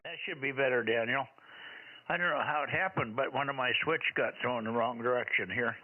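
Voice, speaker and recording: A man talking over a two-way radio as net control, in a relaxed, chatty manner with small hesitations. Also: mid-range voice, fairly quick. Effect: heard over a two-way radio. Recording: tinny radio with heavy static.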